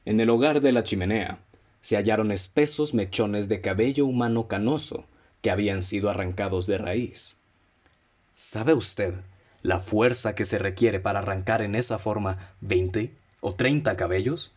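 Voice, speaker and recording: This radio drama detective, played by an actor, is calm and methodical, lecturing steadily through his deductions and posing sharp questions. The lowish voice is lightly acted, the sound lo-fi, and the mood probing.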